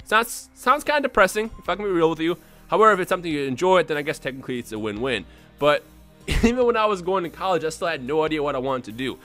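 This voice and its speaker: A young man from Bosnia, a YouTuber talking unscripted to his viewers in an excitable, rambling way with lots of restarts. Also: fairly high pitch, fast talker, faint music behind. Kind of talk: unscripted casual vlog talk.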